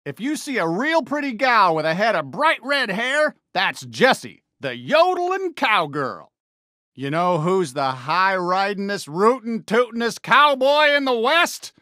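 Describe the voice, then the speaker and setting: Friendly toy cowboy sheriff for a game: American, folksy drawl, unhurried, swooping lively pitch, good-natured. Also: male voice, no echo, clean studio sound, exaggerated voice. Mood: warm, cheerful. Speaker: video game character greeting players. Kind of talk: animated game voice lines.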